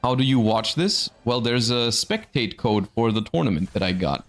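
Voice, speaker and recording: A man's voice: mid-range voice, lively intonation, moderate pace, faint music behind. A man hosting and commentating a live card game tournament in a conversational, explanatory announcer manner.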